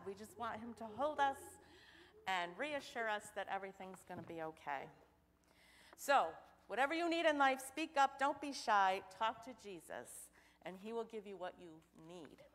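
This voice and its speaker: A young woman giving a children's sermon in church, asking the children questions in an animated way. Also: on the high side, moderate pace. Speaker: children's message leader. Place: church sanctuary. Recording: church hall reverb.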